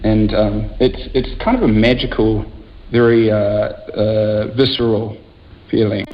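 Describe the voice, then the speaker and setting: A man with a fairly low voice talks as a winemaker guest, musing in a reflective, almost poetic way. The recording sounds dull and lo-fi, with a faint hiss underneath. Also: fairly even intonation, measured pace. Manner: reflective, lyrical about landscape. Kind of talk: casual interview chat.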